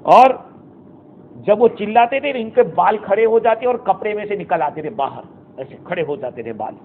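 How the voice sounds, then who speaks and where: A man recites Arabic verses and then unpacks them in a storytelling lecture. His voice sits high, and the recording is thin and phone-like with a faint hiss. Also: lively intonation. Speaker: Islamic scholar giving Quran commentary. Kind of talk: Quran exegesis lecture.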